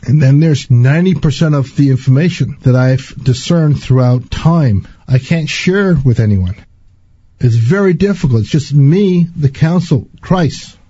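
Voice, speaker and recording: A man giving an earnest personal spiritual testimony in a slow, halting way. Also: a little high, expressive, mellow, slightly rough, lo-fi sound.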